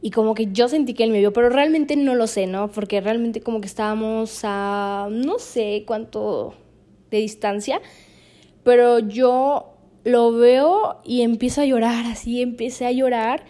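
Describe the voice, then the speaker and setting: A woman's voice: fairly high pitch, fairly even intonation, a little slow, mellow. A young Mexican woman, a podcast host, telling a personal story in casual chat, laughing often between fillers.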